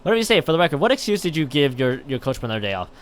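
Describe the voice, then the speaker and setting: Racing along in a slightly high, sing-song voice, a man reads a visual novel aloud on a live game stream. He stumbles, repeats words, and breaks off for exasperated asides.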